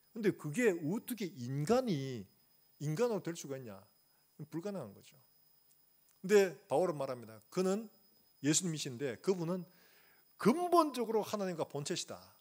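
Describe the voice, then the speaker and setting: A male pastor preaching a sermon in a church, asking the congregation questions and acting out quotes. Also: a little high.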